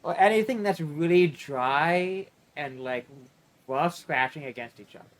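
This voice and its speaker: A man's voice: a little high, unhurried. A man streaming live, chatting casually and rambling, swearing freely and drawing out his words.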